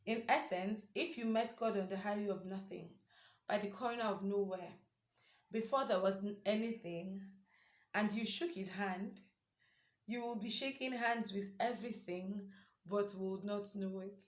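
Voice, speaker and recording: A young woman talks through a devotional reading in a relaxed, earnest way, as if thinking aloud to a friend. Her voice sits at an ordinary middle pitch, and the room gives it a noticeable echo. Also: measured pace. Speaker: devotional speaker. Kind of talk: casual devotional reflection. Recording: roomy echo.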